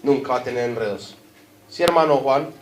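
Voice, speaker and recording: This sermon comes from a male pastor with a Colombian Spanish accent and a mid-range voice, speaking briskly amid slight background noise in an echoey hall. He questions the congregation and stresses his points with mounting emphasis.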